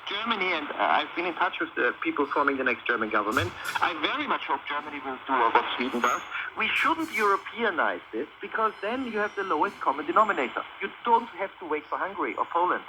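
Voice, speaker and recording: A man's voice: a little high, sing-song, fast. A man speaking earnestly and emphatically as an expert guest in a radio panel discussion. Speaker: interviewee, migration policy expert. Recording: noisy muffled shortwave radio reception.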